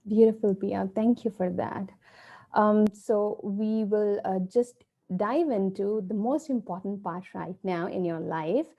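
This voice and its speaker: A woman's voice: mid-range voice, measured pace, muffled recording. A woman hosting a podcast interview, who introduces her guest and prompts her with encouraging, affirming remarks. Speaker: podcast host.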